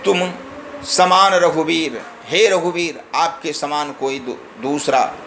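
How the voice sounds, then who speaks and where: Male scripture expounder, slightly high voice, very unhurried delivery, echoey room with faint background hum. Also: a bit bright. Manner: recites verses then explains them line by line. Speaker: religious discourse speaker. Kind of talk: scripture discourse.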